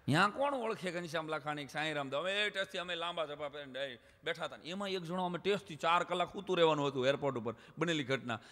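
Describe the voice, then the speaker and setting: Male stage comedian, slightly high voice, chatty with the crowd, quick mimicry, long hall reverb. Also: pushed and bright. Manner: chatty, addresses the audience directly and mimics voices. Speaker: stage comedian at a folk show. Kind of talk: live stage comic storytelling. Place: stage before a live audience.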